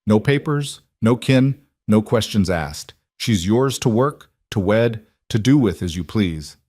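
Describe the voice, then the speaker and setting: A man voicing a wiry, greasy male slave trader in a Western story, with a sharp salesman's patter. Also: lowish voice, lively intonation, unhurried, dry recording, studio quality. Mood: crowing sales pitch. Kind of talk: storybook narration.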